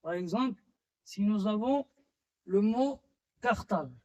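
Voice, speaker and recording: A man teaching a basic French lesson, explaining step by step with frequent pauses, restarts and fillers. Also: high voice, animated, dark tone, highs cut off. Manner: slow, halting delivery with pauses and fillers. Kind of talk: slow classroom-style lesson.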